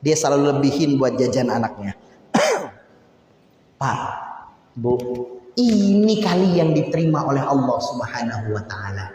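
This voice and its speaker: A man's voice: medium pitch, big pitch swings, measured pace, long pauses, noisy background. A man preaching a casual, conversational sermon in a mosque. He keeps addressing the listeners directly and builds to emphatic peaks. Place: large mosque hall. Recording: very echoey mosque hall.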